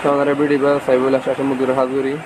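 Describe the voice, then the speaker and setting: Casting: male channel host, Rohingya accent, narrow even intonation, informal viewer greeting, noisy recording with ambient hum. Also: medium pitch, rapid-fire. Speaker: channel host introducing a religious video. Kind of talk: informal spoken introduction to viewers.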